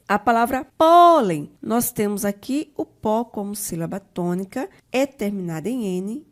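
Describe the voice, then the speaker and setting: A woman's voice: a little high, darkish tone. A woman teacher, giving a patient video lesson and checking in with her pupils often while spelling out word endings one by one. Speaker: school teacher. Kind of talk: recorded video lesson for children.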